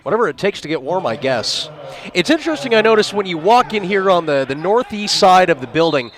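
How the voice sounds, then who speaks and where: A man's voice: sits high, sing-song, a little fast. A man doing color commentary on a live basketball game from an arena, full of joking, self-deprecating asides. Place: arena broadcast position.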